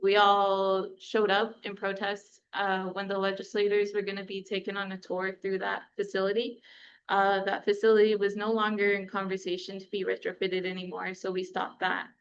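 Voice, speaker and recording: A young woman from New Mexico speaks at a press conference, her smooth, clear voice wavering a little with nerves. She keeps a flat, even delivery. The recording is dull and lo-fi. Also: mid-range voice, moderate pace. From Gallup, New Mexico. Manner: nervous, voice wavering at times. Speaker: community organizer.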